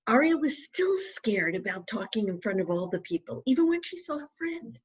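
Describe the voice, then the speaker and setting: Reading her children's story aloud at normal speed, a woman uses a slightly rough, a little high, sing-song voice. The author phrases things emphatically and puts questions to her young audience.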